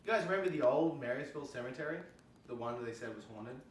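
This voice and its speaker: Slangy male storyteller played by a man for a table-read drama, lively pitch, echoey distant recording. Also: quick pace, lightly acted. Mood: spooky, casual. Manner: casual, slangy. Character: casual male storyteller spinning a spooky cemetery tale to friends. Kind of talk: amateur script table read. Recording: roomy, off-mic, faint noise.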